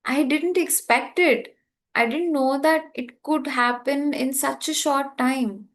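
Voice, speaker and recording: A young woman with an Indian English accent, sharing a personal story in a spiritual talk, animated and laughing often. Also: high voice, takes it slowly. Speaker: spiritual trainer.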